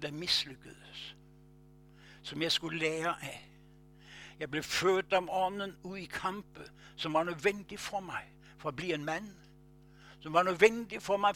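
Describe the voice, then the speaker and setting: Male preacher, high bright voice, storytelling sermon, loud bursts then quiet asides, faint music under.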